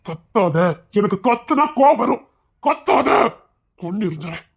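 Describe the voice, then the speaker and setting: Audio drama: woman voicing a curt, threatening husband, raspy and lively in pitch. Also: moderate pace. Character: angry dismissive husband quick to threaten.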